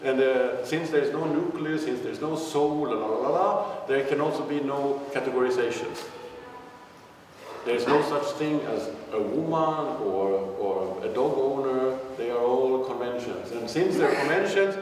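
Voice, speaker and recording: A Swedish man with a mid-range, darkish voice gives a live lecture at a moderate pace, casual and irreverent, thinking aloud and often restarting. He is far from the mic in an echoey hall, with faint noise.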